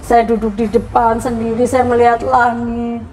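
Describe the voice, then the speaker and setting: A woman's voice: a little high, little pitch movement, moderate pace, a little mellow, rough recording. A middle-aged woman from Central Java telling her conversion story in an interview, turning tearful and pleading when she recalls her prayers. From Central Java, Indonesia. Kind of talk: emotional personal testimony.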